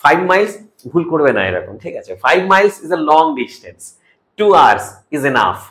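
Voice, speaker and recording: A man with a Bengali accent teaching English grammar rules for an exam, explaining each rule and reading example sentences slowly and deliberately, checking in with "okay?" as he goes. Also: on the high side, sing-song, fairly bright tone. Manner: mixes English terms into Bengali, asks "ok?" often. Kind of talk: exam-prep grammar lesson.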